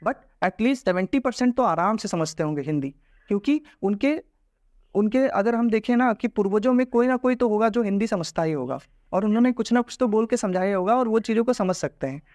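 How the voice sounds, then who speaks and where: A man's voice: high-pitched, a little fast, darkish tone, no echo, studio quality. A male teacher giving a conversational lecture, making his case with rhetorical questions. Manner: persuasive, asks rhetorical questions.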